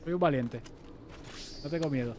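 A Spanish man with a slightly high voice streams a game live, chatting with his teammates. He gets loud and excitable, firing off repeated calls. Game noise is clearly heard behind him. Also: normal speed. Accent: Spanish from Spain. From Spain. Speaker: streamer playing with friends. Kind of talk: live gaming chat.

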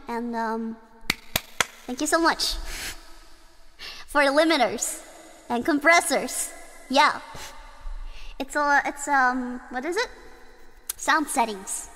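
On a karaoke stream, a woman with a strong belting singing voice chats and giggles between songs, reading chat aloud. Her voice is high and sharp-toned, trailed by a long reverb tail.

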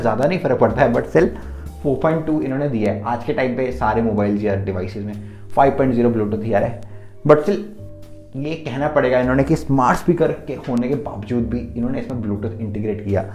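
A man giving a chatty, casual tech product review in a room lit by softbox lights, freely mixing Hindi and English, speaking into his own mic. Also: medium pitch. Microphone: his own mic set up. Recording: roomy echo.

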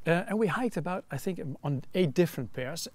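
A man's voice: on the high side, animated, a little fast. Dutch-accented man reviewing outdoor gear. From Netherlands. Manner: explains in detail with frequent fillers. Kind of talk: casual product review. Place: outdoor shelter by a campfire.

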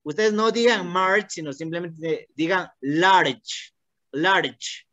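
An English teacher with an Ecuadorian Spanish accent who patiently corrects students and reads English lines slowly, word by word. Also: mid-range voice, a bit bright, no room sound. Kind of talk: online class instruction. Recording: dull, dry, lo-fi.

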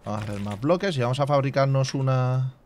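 A man hosting a casual let's play, reading game menus half to himself and chatting to his viewers with relaxed asides. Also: medium pitch, quick pace, a little hiss or hum. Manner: chatty asides to viewers with filler tags like "tío". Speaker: gaming channel host.

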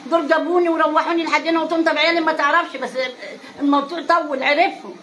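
A woman's voice: sits high, steady tone, rapid-fire, a bit bright, slight background noise. An older woman with a Cairo Egyptian accent, a market vendor in a street interview, pleading and repeating oaths and prayers. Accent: Egyptian Arabic (Cairo).

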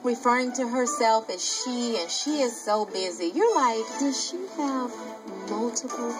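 A woman's voice: on the high side, animated, a little slow, poor audio. Dry woman commenting over music. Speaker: reality TV cast member. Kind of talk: confessional TV interview.

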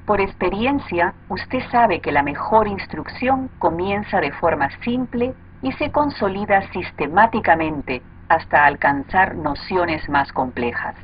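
Woman narrating a promo in lo-fi audio. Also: on the low side. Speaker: voice-over narrator. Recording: dull lo-fi audio with faint noise.

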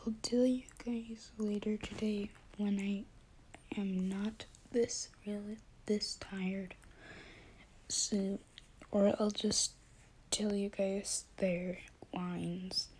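Sleepy lady whispering to her viewers, flat slow voice, lots of ums, faint hiss behind. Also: mid-range voice. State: just woken up, tired. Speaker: vlogger. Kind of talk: casual whispered chat to viewers. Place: home, early morning.

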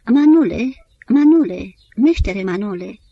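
A woman narrator voicing a sad young woman who speaks softly and urges him along. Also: mid-range voice, animated, no room sound, lo-fi sound. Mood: wistful. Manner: soft, pleading.

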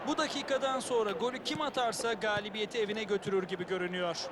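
Man as high-voiced earnest football co-commentator. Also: fairly even intonation, fast talker, lightly acted. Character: male football pundit giving earnest match analysis. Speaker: football co-commentator in a video game. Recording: game audio with clear background noise.

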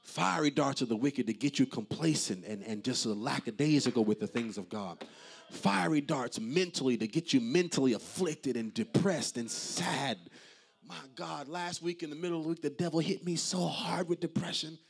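A man's voice: fairly high pitch, normal speed, gravelly, husky. A male pastor preaching a sermon in a church, impassioned and rhythmic, with repeated refrains. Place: church sanctuary.

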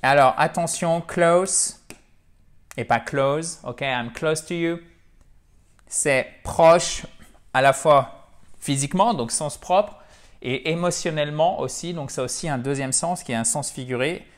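A man teaching English to camera, lively, clapping and slowly repeating words to stress them. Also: fairly high pitch. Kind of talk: spoken language lesson to camera.

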